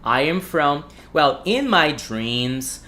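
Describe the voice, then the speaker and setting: A man's voice: fairly high pitch, very animated, slow pace, sharp tone. A man in his thirties from Brazil, with a Brazilian accent and Portuguese as his first language. He teaches an English lesson on a livestream, repeating phrases and asking the chat questions. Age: 30s.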